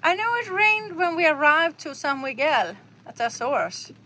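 A middle-aged woman casually narrating her sailing vlog aboard a boat, relaxed and chatty, with frequent restarts and fillers. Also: sits high, measured pace, rough recording. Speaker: sailing vlogger. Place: on a sailboat at sea. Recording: music playing under the voice.

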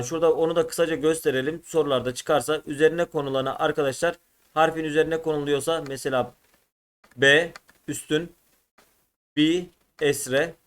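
A male teacher giving an exam-prep lesson, addressing his students and sounding out letters and syllables one by one. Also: fairly high pitch.

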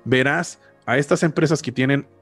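There's faint music behind this casual finance explainer from a Mexican-accented podcast host in his thirties, who keeps correcting himself as he goes. His mid-range voice moves at a moderate pace, recorded close on a large studio microphone on a boom arm.

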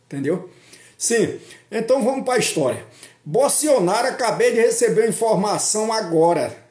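The voice sits high with a darkish tone, caught in an echoey space. It belongs to an older Northeast Brazilian man vlogging outdoors on a tree-lined park road into a phone at arm's length, casually and mockingly discussing politics and tacking questions onto his sentences.

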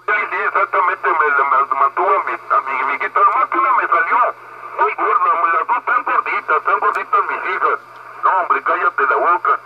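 A Mexican man trades playful jabs with a friend over a CB radio link. His voice sits high for a man and comes through dull and muffled. A thick bed of radio static hisses under every word. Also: moderate pace, long pauses. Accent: Mexican Spanish. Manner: teasing, joking. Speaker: CB radio operator. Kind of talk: casual radio banter.

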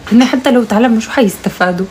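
A young Moroccan woman with a Moroccan accent, chatting casually and teasingly on a live stream, now and then calling out loudly to her mother. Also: a little high, very fast, slight background noise.

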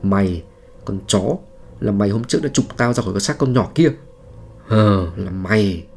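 Man doing a slow, taunting demon. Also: on the low side, expressive, faint music behind, lightly acted. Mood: hateful. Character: possessed girl's demon, vicious, mocking.

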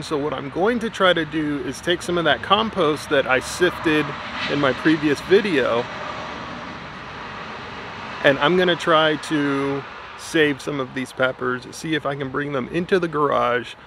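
A home gardener vlogger in his thirties talks casually to his camera, held at arm's length outdoors in his garden, thinking aloud with mild worry. His voice is on the high side and gravelly, measured in pace, with background noise.

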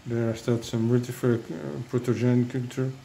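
In a casual hobby vlog, a man with a French accent discusses breeding his fish, hesitating often and filling his speech with fillers and restarts. His mid-range voice has vocal fry, fairly even intonation and a normal pace, with background noise behind it.

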